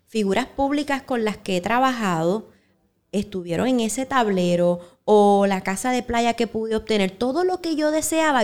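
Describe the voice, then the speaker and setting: A woman hosting a relaxed interview. Her voice sits a little higher than most. She talks conversationally and keeps checking for agreement with short tag questions. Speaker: interview host. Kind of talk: casual interview.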